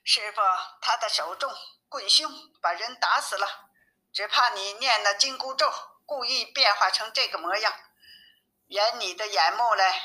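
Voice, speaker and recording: A woman's voice: medium pitch, measured pace, pushed and bright, poor audio. A woman voicing a sly male pig disciple who speaks in a snide, sour tone.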